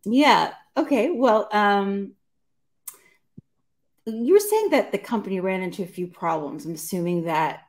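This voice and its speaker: A woman hosting a casual talk show interview, chatty and agreeable with quick reactions. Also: mid-range voice, lively intonation.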